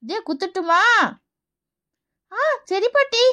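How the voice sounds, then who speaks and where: A woman voicing an excitable little girl in a children's cartoon, pleading and eager. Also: extremely high pitch, slow, full character voice. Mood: excited. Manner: excited, pleading, repeats "paati, paati".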